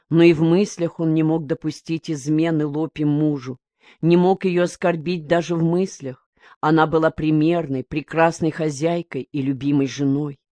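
A woman narrating a novel as an audiobook, reading in an even, measured storytelling manner. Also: low-pitched, no echo.

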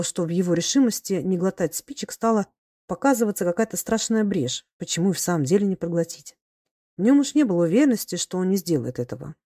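A woman narrating classic fiction in a measured, expressive audiobook reading. Her voice sits low and mellow, unhurried and even.

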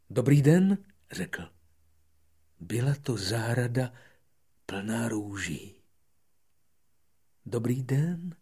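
Husky-voiced male storybook narrator. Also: medium pitch. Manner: expressive, shifting between soft and lively. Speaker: audiobook narrator.

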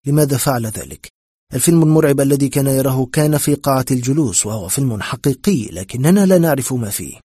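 A man's voice: medium pitch, animated, fast, dark tone, slightly rough, no room sound, studio quality. A man voicing a weary, blunt police lieutenant colonel in a spoken horror story, dismissive and matter-of-fact.

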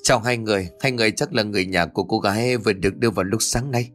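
A man voicing a calm older doctor who reassures briskly in an audio horror story. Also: fairly low pitch, faint music behind, close to an everyday voice. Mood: reassuring.

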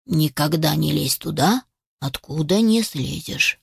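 A woman voicing a kindly, hard-of-hearing old male grouse with a croaky manner. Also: sits low, animated, unhurried, no room sound, studio quality, pitched below the performer's own voice, full character voice. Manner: croaky, grandfatherly.

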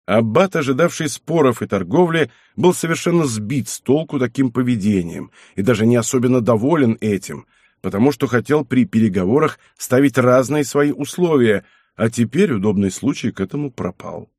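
Male audiobook narrator, measured expressive reading, middle pitch, dry close sound. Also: dry recording. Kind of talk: scripted narration of a historical novel.

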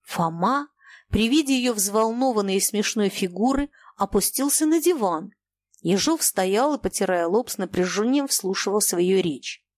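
A woman reads a classic novel aloud in a measured, expressive audiobook style. Her voice sits in a middle register. The recording is close and dry, with no room echo. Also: mid-range voice. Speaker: narrator. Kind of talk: audiobook narration.

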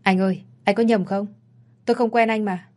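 A woman's voice: medium pitch, fairly even intonation, fairly quick, mellow, close to an everyday voice. A woman voicing a frightened young woman who pleads and cries out for help. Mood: terrified. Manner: pleading, crying out.

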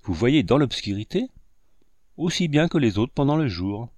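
A man voicing an eager girl of about sixteen, higher and louder than his narration. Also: sing-song, moderate pace, no echo.

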